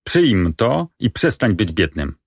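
A man's voice: on the low side, big pitch swings, slow, husky, no echo, studio quality, full character voice. A man reading a brooding young lover in despair. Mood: grimly persuasive. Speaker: reader of a play. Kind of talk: dramatic reading of a stage play.

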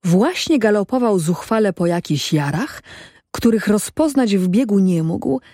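A narrator reading an old-fashioned story as an audiobook in a measured, even way. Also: medium pitch, no room sound, clean studio sound.

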